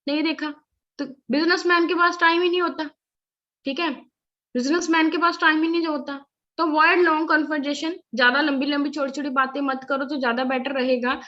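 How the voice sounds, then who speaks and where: A woman with a high, bright voice leads a training session, explaining step by step. She keeps checking that listeners are following. The audio is a little dull and lo-fi. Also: fairly even intonation, brisk. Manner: instructive, often checks "ठीक है?" and "clear है?". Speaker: network marketing trainer.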